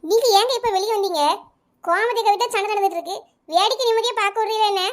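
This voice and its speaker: A woman's voice: extremely high pitch, fast. A woman voicing an indignant village housewife who argues back in a cartoon comedy, with a Kanyakumari Tamil accent. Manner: arguing, defensive.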